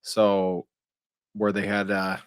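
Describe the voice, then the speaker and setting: A man's voice: on the low side, monotone, slow pace, clear, resonant tone, dry recording, clean studio sound. A man co-hosting a sports podcast, laid-back and hesitant, with frequent fillers. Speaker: podcast co-host. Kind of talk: casual sports talk.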